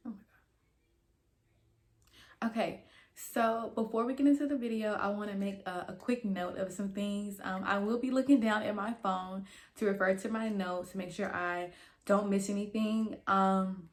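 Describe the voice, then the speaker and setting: A woman's voice: mid-range voice, moderate pace. A young adult woman hosting a casual, chatty vlog, rambling and emphatic, her speech slightly impeded by a dental retainer. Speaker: YouTube host and esthetician student.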